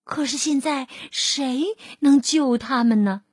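A woman narrating a children's storybook in an expressive, drawn-out manner. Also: high voice, no room sound, clean studio sound.

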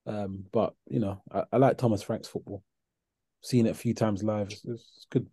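Mellow, low-voiced London man hosting. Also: steady tone, moderate pace, husky, no room sound, clean studio sound. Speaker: podcast host. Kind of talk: casual chat, football discussion.

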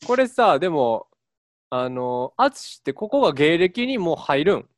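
A man's voice: fairly high pitch, very animated, normal speed, no echo, clean studio sound. A man with a Kansai accent co-hosting a casual radio chat, with the teasing retorts of a comic straight man. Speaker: radio show co-host.

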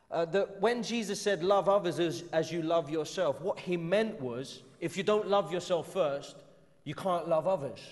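A man with an English accent preaching a sermon earnestly, climbing to emphatic peaks and then dropping to a soft, low voice. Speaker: pastor. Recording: church hall reverb.

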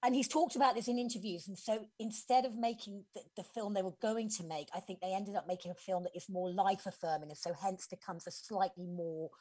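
A woman's voice: mid-range voice, steady tone, a little fast, few pauses, a little mellow. A woman in her forties, co-hosting a casual podcast and explaining a film's plot in a chatty way, with frequent restarts. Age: 40s. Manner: chatty, restarts often, explains plots in detail. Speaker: film reviewer co-host. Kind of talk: casual podcast film review.

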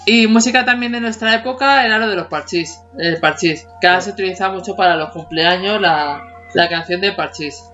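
A woman in her forties co-hosts a podcast, chatting casually about childhood TV songs, laughing often and humming bits of old tunes. Her voice is fairly low, fairly quick and fairly bright, over dull lo-fi sound with faint music behind.

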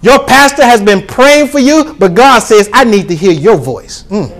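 A pastor preaching a sermon to his congregation, calling for responses and rising to shouts. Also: high-pitched, animated, normal speed.

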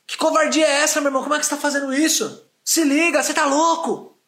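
A man doing an agitated young man, yelling in a high, strained rush. The voice sits well above a normal speaking voice and pushes loud and fast. He sounds confrontational and indignant. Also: steady tone, echoey room. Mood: indignant shouting. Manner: shouting, rapid, indignant.

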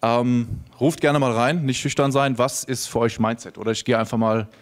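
A man's voice: medium pitch, steady tone, moderate pace. A young adult man speaking on a microphone to a live seminar audience, casual and chatty, full of fillers, telling anecdotes to the room.

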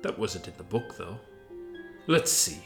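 A man's voice: low-pitched, sing-song, unhurried, music in the background, voice pushed down, heavily acted. A man voicing an intrusive, sardonic talking hat that reads minds, drawling and dismissive in a scripted parody audio story. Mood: bored, prying. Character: intrusive, bored, sardonic telepathic sorting hat.

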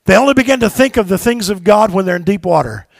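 Man preaching, very high voice, shouting. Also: lively intonation, fast, gravelly, dry recording, clean studio sound. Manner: swings from shouted exhortation to low intimate asides; call-and-response with the congregation. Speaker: pastor. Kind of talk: sermon. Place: church sanctuary.

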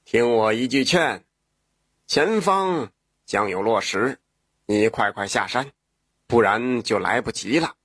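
A man voicing an old yellow weasel spirit who appears as a calm, kindly old man, speaking in slow, measured, courteous old-fashioned phrases. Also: mid-range voice, breathy edge, no echo, studio quality, pitched below the performer's own voice, full character voice. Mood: grave warning. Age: older.

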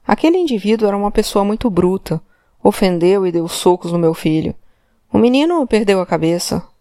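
A woman's voice: mid-range voice, animated, a little fast, dark tone, dry recording, studio quality, close to an everyday voice. A woman voicing an older Portuguese man from Trás-os-Montes, a tearful father who gives terse, subdued answers. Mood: pleading.

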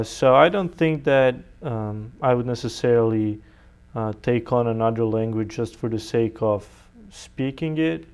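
A young Serbian college student, a native Serbian speaker, answers conversationally as an interview guest. His voice is clean and smooth, medium in pitch, with a darkish tone.

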